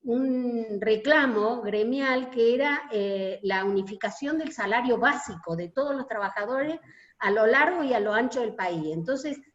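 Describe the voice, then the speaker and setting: An Argentine woman speaks earnestly over a video call, recalling her union days. She hesitates often and fills her pauses. Her voice sits a little high, and the call audio is dull and lo-fi. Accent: Argentine Spanish. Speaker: union delegate recalling a protest march. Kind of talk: reminiscing testimony in an online meeting.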